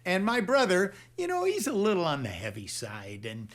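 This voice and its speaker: An actor playing a wisecracking lounge host who tells punchy jokes with slow timing. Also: male voice, high voice, huge pitch swings, a bit bright, full character voice. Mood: joking. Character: wisecracking Italian-American lounge host, brash.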